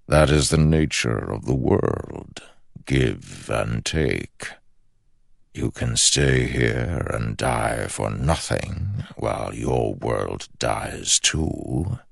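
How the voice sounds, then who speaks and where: A man reads an ancient male shadow spirit for an audiobook, coaxing and menacing. The voice is extremely deep and gravelly, drawn out slowly and softly, slipping into whispers. It is recorded close and dry. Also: lively intonation, dry recording, exaggerated voice. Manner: slow, hushed and purring, sometimes whispered. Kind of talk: audiobook character voice.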